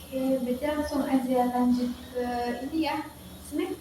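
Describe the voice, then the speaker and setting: A woman's voice: high-pitched, steady tone, moderate pace. A young woman, a nutrition student, politely asking questions and summarizing in a counseling interview. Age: young adult. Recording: very echoey room with faint noise.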